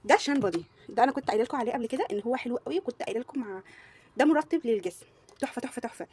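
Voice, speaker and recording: A woman's voice: fairly high pitch, animated, very fast, a little mellow, slightly rough. A young woman with an Egyptian Arabic accent, gushing through a casual beauty product review and repeating words for emphasis. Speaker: beauty vlogger.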